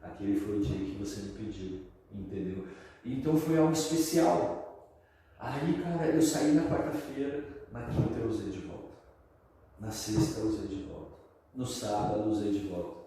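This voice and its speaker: A man's voice: lowish voice, moderate pace, dark tone. A man with a Brazilian Portuguese accent telling his personal testimony in a casual, slangy way, full of fillers. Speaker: testimony speaker. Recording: echoey hall from far off.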